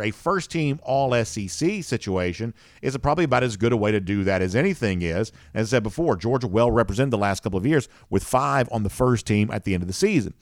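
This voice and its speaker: A man's voice: mid-range voice, no room sound, clean studio sound. A man hosting a solo sports podcast, talking conversationally with fillers and self-corrections. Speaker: podcast host.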